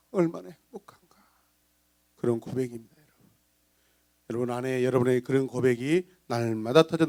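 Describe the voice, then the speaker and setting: A man preaching a Sunday sermon as pastor, animated and dramatic, acting out voices and breaking into song. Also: medium pitch. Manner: animated preaching, bursts into sung praise; acts out villagers' gossip in voices.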